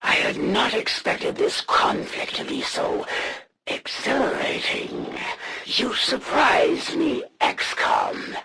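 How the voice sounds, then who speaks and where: A haughty alien assassin from a video game, zealous and menacing. Her delivery is slow and imperious, with a heavy gravelly rasp and wildly swooping theatrical pitch. Noticeable ambience sits behind the voice. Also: wildly swooping pitch, bright, forceful tone, full character voice, rough recording. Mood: cool intrigue. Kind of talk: dramatic video game villain voice lines.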